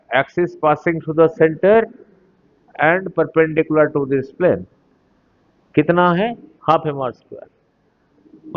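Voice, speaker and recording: Slow-talking physics teacher, lo-fi. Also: male voice, fairly high pitch. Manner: slow, deliberate explaining, mixing Hindi and English, asking the class questions. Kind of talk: classroom lecture on a whiteboard.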